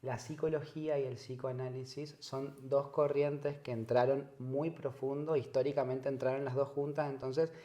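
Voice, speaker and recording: A man's voice: medium pitch, level tone, moderate pace, few pauses, warm tone. A man from northern Argentina with an Argentine accent, a psychologist guest in an interview, speaking reflectively and repeating words as he searches for phrasing. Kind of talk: conversational interview. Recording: echoey room.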